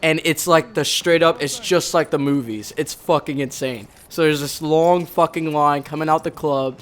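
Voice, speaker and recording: A young former Marine from the Bronx, New York, chats casually over gameplay, telling a rambling story full of swearing and often correcting himself mid-sentence. His voice is on the high side, steady, slightly bright, and moderately paced.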